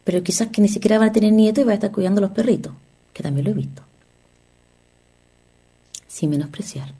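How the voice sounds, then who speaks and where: A woman's voice: medium pitch, fast talker, dark tone, husky. A woman therapist giving an earnest motivational talk on relationships, asking her listeners rhetorical questions.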